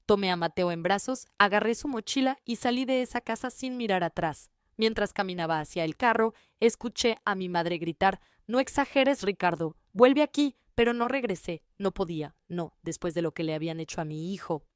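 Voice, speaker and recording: Smooth-voiced woman narrating a story. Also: fairly low pitch, brisk, few pauses, no room sound, clean studio sound. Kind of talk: scripted first-person story narration.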